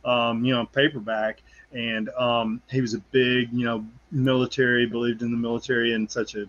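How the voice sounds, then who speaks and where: A man's voice: mid-range voice, level tone, normal speed, a bit bright, highs cut off. A middle-aged man in casual sports chat, rambling with lots of "you know" asides.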